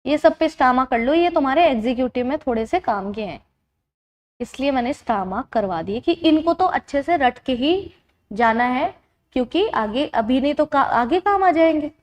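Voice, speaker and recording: A woman's voice: sits high, expressive, moderate pace, a little mellow. A woman tutor teaching an exam-prep lecture, explaining things step by step and checking that her students follow.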